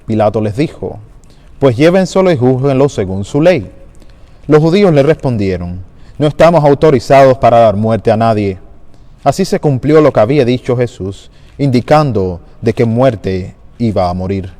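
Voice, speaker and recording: A man's voice: mid-range voice, lively intonation, normal speed, warm tone. Man reading solemnly in a church. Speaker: Passion reader at a Good Friday service. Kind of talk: liturgical Gospel reading. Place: large church. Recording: long church reverb.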